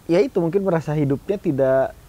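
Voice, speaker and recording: A man, co-hosting a casual podcast chat and agreeing quickly while explaining loosely. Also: a little high, warm tone, highs cut off.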